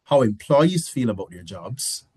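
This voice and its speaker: A man's voice: fairly low pitch, big pitch swings, unhurried, a little mellow, husky, no room sound. A man giving a conversational business presentation, restarting phrases and adding rhetorical asides. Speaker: guest lecturer.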